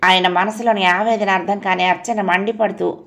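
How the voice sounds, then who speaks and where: A woman's voice: mid-range voice, steady tone, normal speed. Woman narrating a novel. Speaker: audiobook narrator. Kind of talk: reading a novel aloud.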